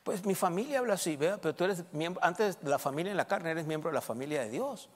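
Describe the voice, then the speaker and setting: A man preaching a sermon as pastor, emphatic, swinging between loud and soft and checking in with the congregation. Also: fairly high pitch, lively intonation, quick pace. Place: church. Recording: long church reverb.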